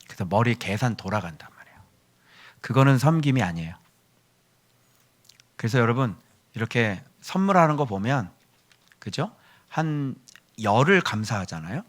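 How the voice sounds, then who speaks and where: A male pastor preaching a sermon, acting out quoted people and shifting between loud outbursts and hushed asides. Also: medium pitch, very animated, normal speed, long pauses. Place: church.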